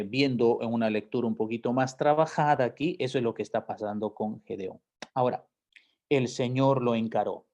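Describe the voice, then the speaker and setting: A man in the pulpit teaching scripture to his class, with a warm, dark voice. He talks softly for long stretches, then rises into loud, fervent quotes. His pitch sits in the middle for a man. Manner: preacherly, swings from soft to loud impassioned quotes. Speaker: pastor teaching a Bible class. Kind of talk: Bible class sermon.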